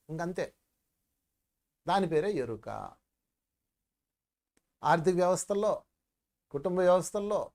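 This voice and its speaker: Animated male meditation teacher. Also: sits high. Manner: storytelling, animated, addresses listeners as friends. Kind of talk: spiritual discourse to viewers.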